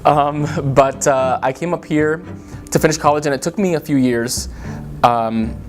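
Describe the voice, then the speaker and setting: A man from the Dominican Republic, a community advocate, giving earnest and thoughtful interview answers in short, halting phrases. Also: fairly high pitch. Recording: guitar music playing underneath. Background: soft guitar music.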